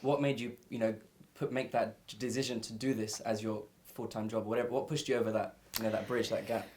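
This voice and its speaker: A man's voice: lowish voice, steady tone, fairly quick, a little mellow. A man hosts a casual interview. He talks in a friendly, easygoing way and fills his questions with "um" and "you know.". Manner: friendly, loose, filler-heavy. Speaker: host, interviewer.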